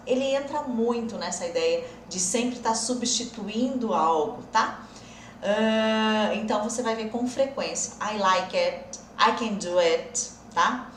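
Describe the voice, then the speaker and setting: A woman's voice: fairly high pitch, roomy sound, recorded from a distance, slight background noise. A woman teaching an English lesson on a live stream, explaining patiently, answering viewer comments and laughing often.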